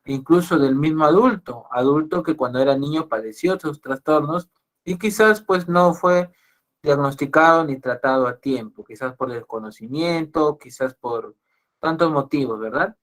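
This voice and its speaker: A Peruvian man lecturing as a psychologist in an online class. His voice sits at an average pitch, and he talks straight to his listeners. He keeps circling back and restarting his phrases. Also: a bit bright. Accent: Peruvian Spanish. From Peru. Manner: repetitive, restarts phrases often, addresses audience directly. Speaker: psychologist giving a webinar talk.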